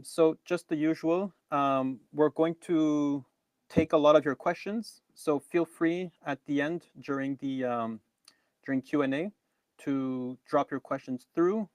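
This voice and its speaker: A man's voice: mid-range voice, no room sound. A man co-hosting a live online news review, talking casually with many ums and restarts. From Canada. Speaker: co-host.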